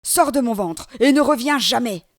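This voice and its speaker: A woman voicing a huge, greedy male monster spirit in a storybook reading, speaking loud and slow. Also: sing-song. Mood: angry. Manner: booming, slow and drawn out.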